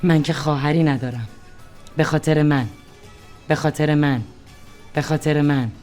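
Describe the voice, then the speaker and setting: Brief: actress as a scheming daughter-in-law, very low, dark voice, faint music. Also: female voice, steady tone, natural voice. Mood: pleading. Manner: bossy and pleading.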